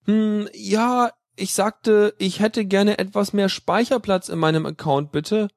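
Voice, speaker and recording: A man's voice: sits high, fairly even intonation, slow, creaky, dry recording, studio quality, voice pushed up, full character voice. A man reading aloud and voicing a whiny, nervous male computer user who pleads and complains. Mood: pleading. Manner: plaintive, pleading. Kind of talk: audiobook reading.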